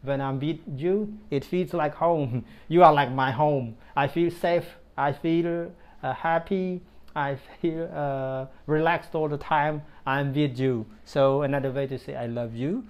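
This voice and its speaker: A man in his thirties with a Cambodian accent and Khmer as his first language, teaching English to camera in deliberate, repeated phrases. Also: on the high side, clear, resonant tone. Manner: slow, deliberate phrasing with repetition. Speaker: English teacher, channel host. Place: indoor room in front of a display screen.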